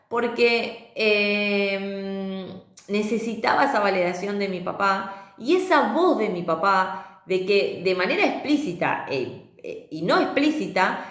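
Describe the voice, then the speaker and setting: A woman's voice: medium pitch, reverberant. Earnest Rioplatense woman teaching. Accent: Rioplatense Spanish. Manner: earnest, reflective, asks "¿sí?" often. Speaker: spiritual healing teacher. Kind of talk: personal teaching monologue.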